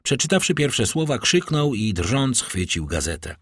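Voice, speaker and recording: A man narrating an audiobook in an expressive storytelling reading. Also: mid-range voice, moderate pace, slightly rough, no echo, clean studio sound. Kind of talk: scripted narration.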